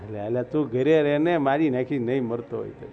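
A male preacher, telling a devotional story in folksy talk and slowly chanting verses. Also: mid-range voice, gravelly. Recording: dull lo-fi recording with faint music.

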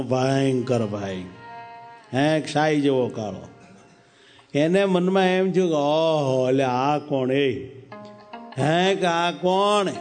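A man preaching through a story, animated and dramatic, with sharp shifts in pitch and pace. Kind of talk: sermon storytelling.

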